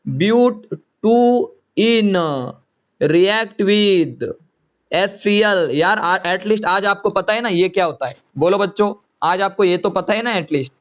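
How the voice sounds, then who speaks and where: Man teaching chemistry, high voice, coaxing, repeats questions, dull lo-fi sound. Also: slow, a bit bright. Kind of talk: classroom lecture.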